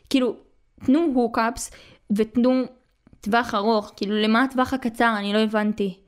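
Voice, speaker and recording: A woman's voice: on the high side, smooth. A woman in her early twenties with an Israeli accent, chatting casually in slangy speech with English words mixed in. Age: early 20s. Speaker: podcast host.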